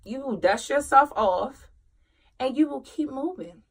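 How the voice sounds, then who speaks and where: A woman hosting a motivational talk as a single mother. She speaks emphatically, repeats her phrases, and moves from loud urging to quiet confession. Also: sits high, lively intonation, a little slow, slightly rough. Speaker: host.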